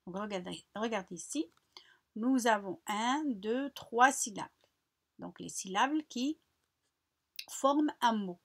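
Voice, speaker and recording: A woman teacher with a fairly high, husky voice talks children through a workbook lesson. She goes slowly and patiently, repeating words and breaking them into syllables. The tone is that of a recorded classroom walkthrough. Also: expressive, fairly bright tone. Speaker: primary school teacher.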